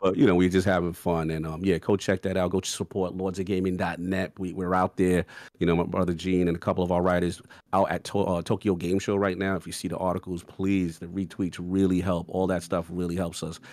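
Man, podcast guest, very deep voice, slangy upbeat talk, dry close sound. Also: little pitch movement, a little fast, a little mellow, dry recording. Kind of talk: casual podcast chat.

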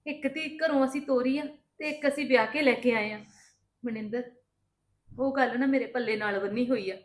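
A woman with a Punjabi accent playing a patient daughter-in-law who calmly reassures her sister-in-law. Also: a little high, moderate pace, echoey room, natural voice. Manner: calm, reassuring, explaining at length. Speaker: daughter-in-law in a family drama. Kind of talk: scripted family drama acting.

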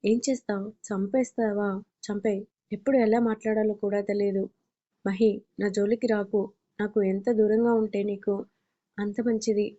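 An impatient young father speaks in clipped, irritated lines, read by a woman. Her voice stays warm and mellow, with little rise and fall. The recording sounds a little dull and lo-fi. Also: medium pitch, level tone, moderate pace, close to an everyday voice. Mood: angry. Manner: curt, irritated.

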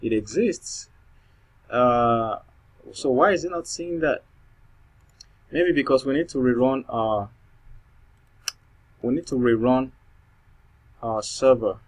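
A man with a mid-range voice takes things slowly, leaving long pauses, as he thinks aloud through a coding tutorial captured on screen. He's a programming tutor speaking English with a non-native accent, since English isn't his first language, and his talk is full of fillers and restarts.

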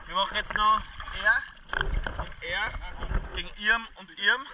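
A man's voice: high-pitched, slow. A young man with an Austrian accent, joking and doing mock commentary during a water game outdoors. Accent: Austrian German. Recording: distant, noisy outdoor water recording.

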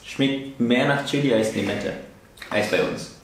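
A man's voice: mid-range voice, a little slow. A young man co-hosting a casual snack-tasting video, making dry joking asides. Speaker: co-host, host's husband. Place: indoor studio set at a table. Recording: echoey room, distant mic, faint noise.

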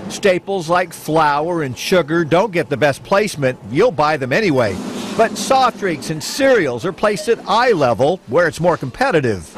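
A man narrating a local TV news report with a polished delivery. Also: high-pitched. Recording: noisy broadcast audio.

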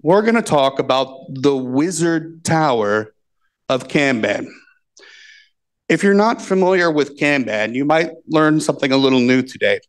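An American man with a medium-pitched voice gives a slow, deliberate conference talk in a room with a projector. Speaking plainly and in a measured way into a handheld mic, he reads his points out slowly for translation.

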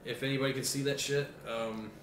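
A young American man co-hosts a beer tasting show, chatting casually at a table in a small indoor kitchen with lots of swearing. His mid-range voice is brisk and a bit bright, with fairly even intonation. A camera mic across the table picks him up in an echoey room with background hiss.

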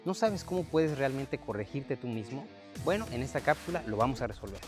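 A man in his thirties hosts a relaxed fitness talk in an outdoor park, his voice mid-pitched and easy. He speaks loosely with fillers, recorded on a lapel mic with faint music underneath. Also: brisk. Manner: relaxed, conversational, frequent fillers. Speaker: fitness coach and host. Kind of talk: casual fitness chat. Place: outdoor park workout area.

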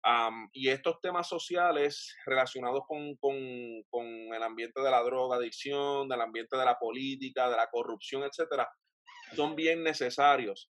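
A man's voice: medium pitch, moderate pace, a bit bright, dry recording. Young puerto rican guy hosting a video call, mid voice, dead dry sound, long rambling questions. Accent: Puerto Rican Spanish. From Puerto Rico. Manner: thoughtful, long winding questions. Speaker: host. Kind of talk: casual interview over video call. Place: home room with bookshelves, indoors. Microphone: webcam on a video call.

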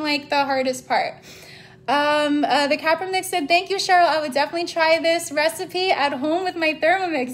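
A young woman hosting a live vegan cooking stream from her home kitchen, gushing and upbeat as she reads out viewer comments. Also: high voice. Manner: bubbly, gushing, upbeat, addresses viewers as "guys" and "love".

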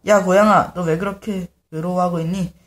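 A man's voice: high voice, steady tone, fairly quick, lightly acted. A man voicing an eager, friendly male donkey in a storybook reading.

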